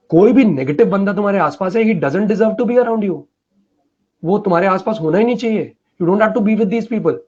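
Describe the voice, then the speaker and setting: Guy with a highish voice giving students pep-talk advice on a live q&a, punchy and chatty, muffled lo-fi sound. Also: a little mellow, breathy edge. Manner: emphatic, colloquial, often switching into English phrases. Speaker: mentor answering students' questions.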